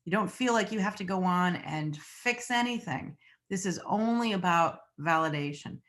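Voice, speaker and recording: A woman teaching about naming and validating emotions in a relaxed, conversational talk, often acting out quoted lines. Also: moderate pace. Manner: conversational, acts out quoted lines with rising pitch. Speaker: mental health educator. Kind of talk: informal explanatory talk.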